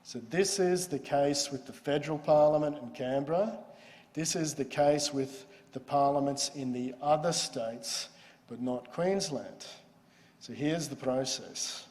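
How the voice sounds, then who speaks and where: A man giving a university law lecture in a relaxed, explanatory, conversational way. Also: fairly high pitch, unhurried. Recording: lecture hall with long reverb.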